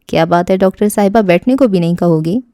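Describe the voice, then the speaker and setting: A woman's voice: mid-range voice, dark tone, no room sound, clean studio sound, lightly acted. A woman doing a teasing young suitor. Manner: teasing, confident.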